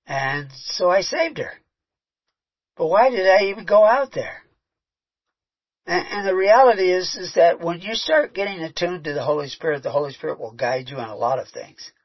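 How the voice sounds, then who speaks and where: A man's voice: high voice, animated, normal speed, slightly rough. A man preaching a sermon, mixing scripture with a conversational personal story and frequent restarts. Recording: muffled, lo-fi recording.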